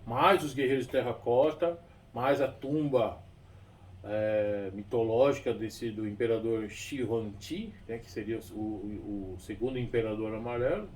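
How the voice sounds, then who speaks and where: A man's voice: mid-range voice, a little slow, a little mellow. A man with a Brazilian Portuguese accent, a kung fu teacher explaining at length, rambling and often adding tag questions and restarting. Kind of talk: explanatory talk. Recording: distant mic with faint background noise.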